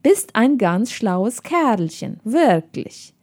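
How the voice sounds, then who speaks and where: A woman voicing a menacing middle-aged male escaped convict who talks slowly with a hissing, sneering manner. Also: a little high, very animated, a little mellow, full character voice.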